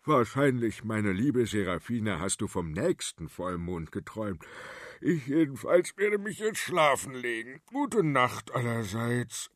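A man's voice: medium pitch, sing-song, unhurried, dry recording, studio quality. A man voicing a lazy, sheepish king who mumbles excuses. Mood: sleepy.

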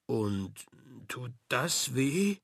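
A man's voice: mid-range voice, big pitch swings, extremely slow, gravelly, husky, dry recording, clean studio sound, heavily acted. A man playing a boisterous, doting sea captain who is a father, in a hearty, exclamatory voice. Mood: worried.

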